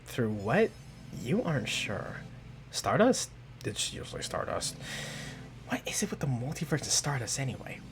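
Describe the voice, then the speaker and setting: A man narrating as game master of a tabletop role-playing game, speaking to the listener in the second person. His pitch moves in a lively, animated way as he tells the story. Faint noise sits behind his voice. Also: moderate pace.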